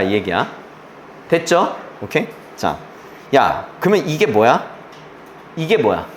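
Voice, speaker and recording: A man's voice: a little high, slight background noise. A man teaching a class, lecturing through an exam passage and checking in constantly with rhetorical questions and blunt slang. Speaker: English teacher. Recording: roomy echo with faint ambience.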